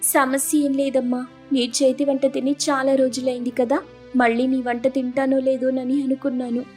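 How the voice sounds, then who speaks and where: A gentle, humble young village wife with a soft, earnest way of speaking, pitched a little high and warm, as a woman narrator voices her in a storybook. She sounds sincere and modest. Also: level tone, normal speed, soft background music, close to an everyday voice. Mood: tender. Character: humble poor younger sister, gentle and hardworking.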